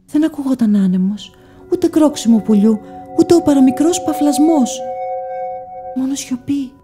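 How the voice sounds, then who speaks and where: A woman giving first-person scripted story narration in a soft, measured, dreamy way. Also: high voice, over music.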